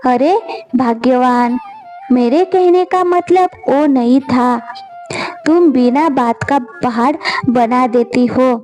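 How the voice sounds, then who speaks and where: A woman's voice: high voice, slow, a little mellow, soft background music. A woman voicing a mild-mannered village husband in a storybook, placating his wife.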